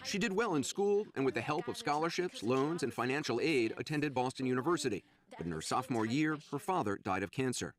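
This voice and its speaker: A man narrating a scripted television news report in a measured, even delivery. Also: medium pitch.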